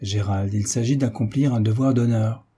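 A man voicing a steady, loyal young friend in a read-aloud novel, firm and reassuring. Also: on the low side, normal speed, slightly rough.

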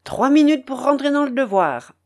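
A woman reading the part of a calm, steely older male ship commander who gives firm, clipped orders. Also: a little high, unhurried, husky, full character voice. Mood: stern.

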